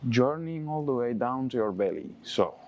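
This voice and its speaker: A man with a non-native English accent teaching a yoga breathing lesson, instructive and encouraging, sometimes halting as he searches for words. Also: medium pitch, expressive, a little mellow, muffled recording, a little hiss or hum.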